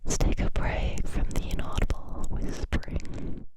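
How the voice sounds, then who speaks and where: An ASMR creator whispering trigger words over and over, with chatty asides. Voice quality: breathy unvoiced whisper. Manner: soft, slow repetitive whispering of single words; chatty asides between repetitions.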